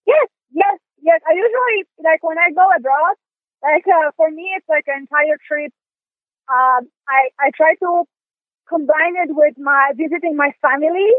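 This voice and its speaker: A woman from Poland with a Polish accent, speaking as an interview guest in halting sentences full of restarts and fillers. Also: sits high, no echo. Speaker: guest, dog sport competitor. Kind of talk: interview conversation. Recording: tinny phone line.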